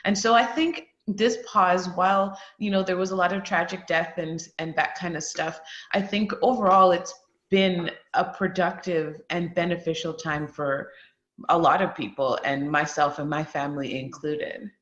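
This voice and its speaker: A woman's voice: on the low side, steady tone, normal speed, a bit bright. A woman on a panel, sharing her experience reflectively with frequent fillers and easy laughter. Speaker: panel guest. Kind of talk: candid conversational sharing. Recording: echoey, dull lo-fi audio.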